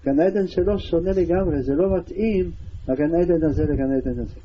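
A man teaching a Torah lesson, telling stories in an animated way, in a slightly dull lo-fi recording. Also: on the high side, a little hiss or hum. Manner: storytelling, animated retelling. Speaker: religious teacher.

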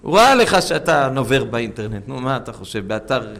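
A man preaching a sermon with stories, swinging between loud urging and hushed asides, and calling his listeners friends. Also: medium pitch, very animated, gravelly.

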